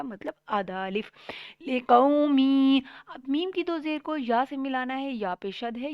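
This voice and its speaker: Woman, Quran teacher, slightly high voice, dry dull lo-fi sound, slow drawn-out recitation then patient rule-by-rule explanation. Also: no room sound. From Pakistan. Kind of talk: tajweed lesson. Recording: dull lo-fi recording.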